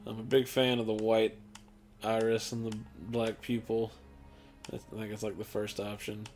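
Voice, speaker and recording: A man's voice: on the low side, level tone, normal speed, a little mellow, faint music behind. A man casually talking through a video game's character creator, rambling and offhand with lots of fillers, tired and yawning late at night. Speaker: gaming channel host. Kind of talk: casual gameplay commentary.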